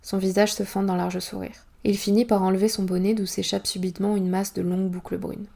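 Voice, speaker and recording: A woman author reading her own novel aloud in first-person narration, calm and even. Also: medium pitch, fairly quick, gravelly.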